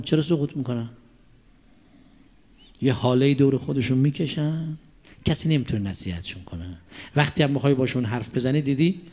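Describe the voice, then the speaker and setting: Guy preaching a sermon, kinda high voice, lots of rhetorical questions, goes slow and hushed on the quotes. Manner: slow, drawn-out recitation of Arabic quotations; drops to a hushed near-whisper for emphasis. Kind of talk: religious sermon.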